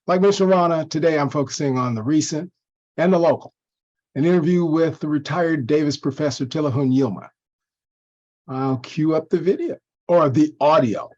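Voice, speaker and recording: A man, a minister, giving a measured, formal historical tribute at a church service. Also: fairly high pitch, a little mellow, highs cut off. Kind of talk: church talk introducing a recording.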